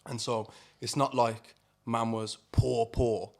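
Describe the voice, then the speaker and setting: A man's voice: mid-range voice, level tone, takes it slowly, gravelly, darkish tone. A man from Birmingham with a Brummie accent, talking casually as an interview guest in informal British street slang. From Birmingham, England.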